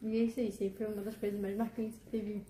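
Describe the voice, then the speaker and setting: A woman telling a personal story in a casual, animated way, acting out the dialogue as she goes. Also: mid-range voice, quick pace, roomy sound, a little hiss or hum. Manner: animated, emotional retelling with quoted dialogue. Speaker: guest telling her testimony.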